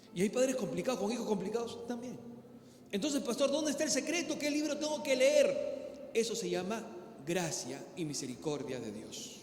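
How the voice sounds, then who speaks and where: A man's voice: sits high, darkish tone, slight background noise. A man with a Peruvian Spanish accent preaching a sermon as pastor, talking conversationally and acting out little dialogues. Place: church hall. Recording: echoey hall with faint ambience.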